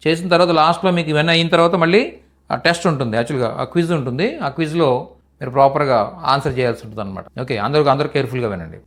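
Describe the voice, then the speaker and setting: A man's voice: on the high side, quick pace, a bit bright. Patient man drilling phrases. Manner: patient, repeats each phrase several times. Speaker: Hindi teacher. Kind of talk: live online language class.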